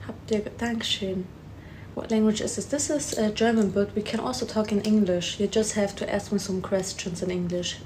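A twenty-two-year-old woman born in Afghanistan chats casually on a phone livestream from a room at home, reading viewer comments aloud and answering them while switching between German and English. Her voice is mid-range and steady at a normal speed. The phone is held close on the front camera, and the background is noisy.

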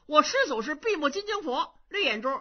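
A woman storyteller voicing a sharp-tongued, suspicious young male monk who shouts accusations. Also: high voice, big pitch swings, a little fast, voice pushed up. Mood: accusing. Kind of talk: traditional Chinese storytelling. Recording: dull lo-fi recording.

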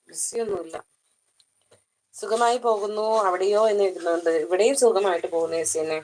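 A woman's voice: medium pitch, noisy background. A woman hosting a casual live stream from her kitchen, chatting and greeting viewers by name as she reads their comments. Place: home kitchen.

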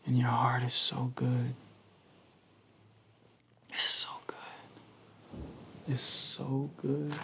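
Man acting tender pillow talk, creaky whispered role-play. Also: level tone, extremely slow, long pauses, heavily acted. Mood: tender, grateful. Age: young adult. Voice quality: soft, breathy whispering mixed with low murmur. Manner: intimate, affectionate pillow talk. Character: devoted, clingy, tender male lover at bedside. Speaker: ASMR creator. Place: living room couch, indoors.

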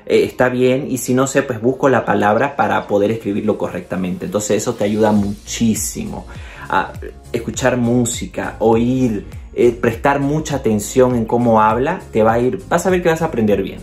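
A man from Bolivia speaks at normal speed in a medium-pitched, slightly mellow voice, faint music in the background. Hosting a language-tips video in a Bolivian Spanish accent, he's chatty and encouraging, talks straight to his viewers, and says "entonces" frequently.

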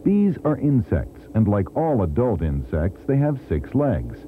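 A man narrating an educational documentary in a clear, teacherly way, heard from a worn VHS tape copy. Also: on the low side, very animated, a little slow, a little hiss or hum. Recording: thin, tinny worn VHS tape with music. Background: music score.

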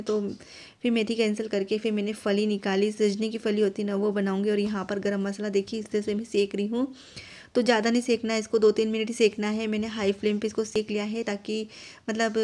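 A woman's voice: medium pitch, a little mellow. A woman vlogger doing a voice-over at home, explaining her cooking and housework step by step in a homely way. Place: home at night, recorded separately as voice-over.

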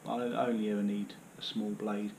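A man's voice: lowish voice, flat delivery, moderate pace, vocal fry, a little mellow. British guy in his 30s chatting through his hiking kit, lots of ums, roomy echo and some background noise, camera sitting a way off on the floor. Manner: chatty, rambling, many fillers. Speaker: outdoor gear vlogger. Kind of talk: casual demonstration. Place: living room at home, kneeling on floor. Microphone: camera on the floor a few metres away.

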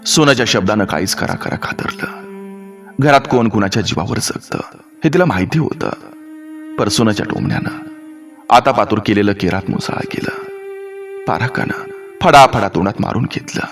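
A man's voice: on the low side, expressive, normal speed, long pauses, faint music behind. Man telling a rustic village story.

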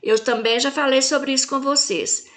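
A woman teacher with a Brazilian Portuguese accent, calmly spelling out letters and stressing each word as she goes over a lesson with young children. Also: high voice, normal speed.

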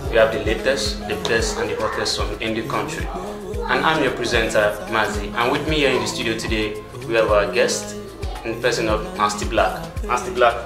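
A man's voice: fairly low pitch, steady tone, a little fast, echoey room. A man presenting a music video countdown show in a studio, announcing with hype. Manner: announcer-like, hyping. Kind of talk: scripted presenting.

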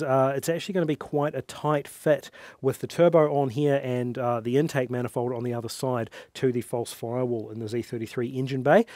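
A man, hosting a casual company update in a relaxed way, with lots of "uh" fillers, on a headset mic. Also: mid-range voice, dry recording. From New Zealand. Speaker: host. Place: studio workshop set, then at a desk.

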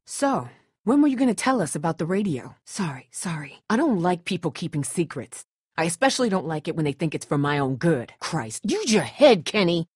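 Voicing a tough, distrustful survivor in a dramatic video game, a woman sounds protective, blunt, sardonic and guarded, with a suspicious, sharp mood. Her mid-range voice is husky, and the studio-quality recording has no echo.

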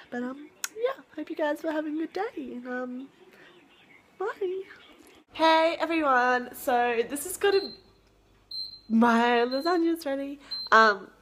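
A woman's voice: fairly high pitch, a bit bright. A young Australian woman talking casually to her viewers in a rambling vlog, with lots of fillers. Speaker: vlogger.

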